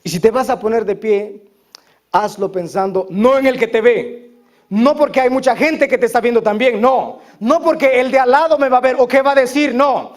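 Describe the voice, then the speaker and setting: A man's voice: very high-pitched, normal speed. A man preaching a sermon at a church service, driving his points home with emphatic, repetitive phrasing.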